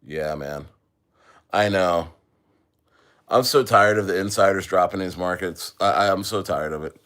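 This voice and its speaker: A man's voice: low-pitched, a little slow, a bit bright. Rambling man hosting a livestream. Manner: rambling, full of fillers, talks to viewers. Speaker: livestream host. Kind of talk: casual livestream chat.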